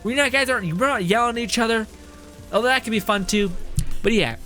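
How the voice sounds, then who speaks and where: A young man streaming live and chatting casually with his viewers. He talks loosely and swears a lot, laughs often, and sounds a bit hoarse. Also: very high-pitched, quick pace, pushed and bright, soft background music. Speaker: game streamer. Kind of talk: casual livestream chat, reading chat aloud.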